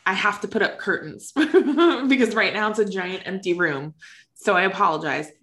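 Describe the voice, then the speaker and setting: A woman's voice: mid-range voice, animated, normal speed, a bit bright. Chatty woman in an echoey empty room. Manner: chatty, laughs often, many "um"s. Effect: big empty-room echo. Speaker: podcast co-host, veterinary educator. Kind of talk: casual chat. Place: large empty room, no curtains.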